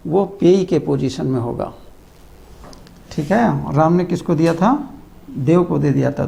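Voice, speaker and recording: A man's voice: sits high, creaky, warm tone. A man teaching a commerce lesson, who repeats key terms and quizzes the listener. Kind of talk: classroom lecture.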